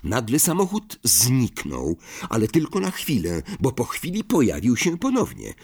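A man narrating an audiobook with expressive storytelling. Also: mid-range voice, a little slow, slightly rough. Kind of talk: audiobook reading.

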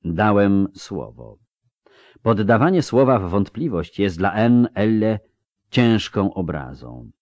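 A man voicing a cold, aloof ancient male elf in an audiobook, slow, measured and quietly threatening. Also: on the low side, sing-song, no echo, dull audio. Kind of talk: audiobook character reading.

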